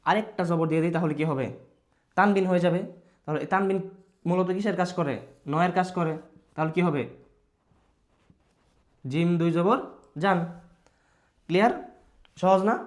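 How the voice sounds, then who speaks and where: A male teacher giving a patient children's reading lesson, asking questions, answering them himself and mixing in English words. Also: sits high. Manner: mixes English words into his speech.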